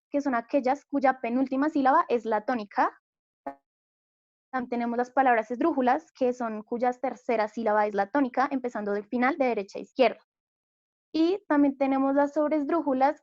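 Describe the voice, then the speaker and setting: A woman's voice: high-pitched, dry recording. A young Colombian woman giving a class presentation, explaining step by step with frequent fillers. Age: young adult. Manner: explanatory, many fillers like eh and pues. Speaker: student presenter. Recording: dull lo-fi recording.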